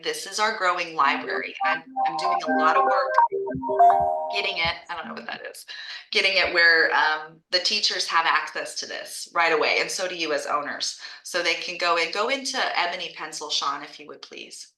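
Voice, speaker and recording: On a video call, a woman who founded an art school franchise and teaches art presents chattily and enthusiastically, often restarting her phrases. Her voice is low-pitched with a sharp tone, and the audio is poor and reverberant.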